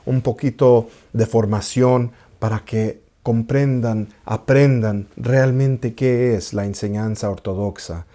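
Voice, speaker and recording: Mellow and mid-range, the voice belongs to a man teaching as an Orthodox priest. Raised where English is spoken, he delivers an earnest spiritual talk, hesitant and sorry about his Spanish, repeating phrases to stress them and dropping in English words.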